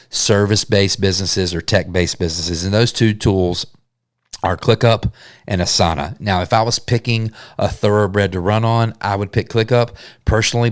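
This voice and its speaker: A man with a fairly low-pitched voice hosts a solo business podcast, recorded in a clean studio with no room sound. He talks earnestly and conversationally, sometimes restarting sentences and correcting himself.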